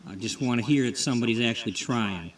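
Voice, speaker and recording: A man's voice: medium pitch, fast, far from the mic, natural voice. A man voicing an impatient, demanding woman client in a life-sim game story.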